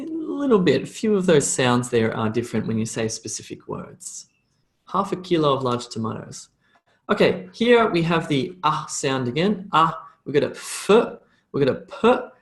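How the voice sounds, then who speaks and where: A man with an Australian accent, voice a little high, leads a live online English pronunciation lesson, drilling phrases and slowing them down so the learner can repeat them.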